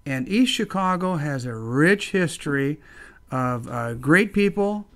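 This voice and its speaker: A man from northwest Indiana hosts his video channel in a cheerful, chatty way, dropping in the odd "uh". His voice sits a little high for a man and comes through smooth and clear. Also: expressive, takes it slowly, a bit bright. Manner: upbeat, friendly, with frequent "uh" fillers. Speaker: channel host. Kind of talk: casual video narration.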